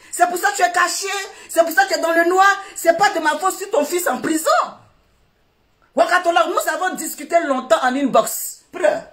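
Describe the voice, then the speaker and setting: A woman, shouting and mocking through an insult-laden livestream rant. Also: very high-pitched. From Ivory Coast. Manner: shouting, mocking, laughing taunts.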